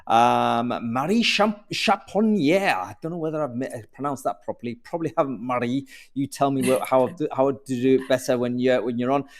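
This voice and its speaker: Guy hosting a live panel on a video call, chatty and easygoing, average pitch, lots of ums. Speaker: host.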